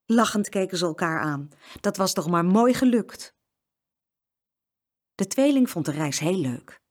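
A woman reading a children's story aloud with an expressive, lively delivery. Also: on the low side, unhurried.

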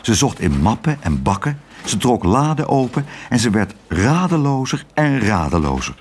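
Expressive man reading a children's story. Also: mid-range voice, moderate pace, a little hiss or hum.

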